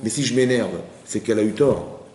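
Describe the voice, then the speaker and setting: A man, a rabbi teaching a Torah class to an audience, animated, asking questions and acting out little everyday scenes. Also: mid-range voice, fairly quick. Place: community center hall. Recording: echoey hall with faint noise.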